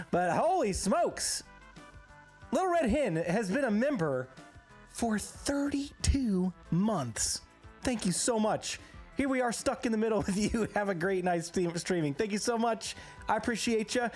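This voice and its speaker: A game streamer chats casually with viewers during a live stream, sounding a bit hoarse while recovering from illness. The voice is medium-pitched and a little mellow, upbeat as they greet people by name one after another.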